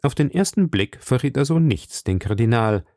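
A man reading a classic novel aloud as an audiobook narrator, in a measured, steady way. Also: medium pitch, no room sound, studio quality. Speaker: audiobook reader. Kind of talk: scripted narration.

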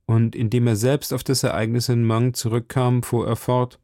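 A man reads a classic novel aloud in an even, storytelling voice of middle pitch. The sound is dry and close to the mic. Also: normal speed, no room sound. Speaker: narrator. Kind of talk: audiobook reading.

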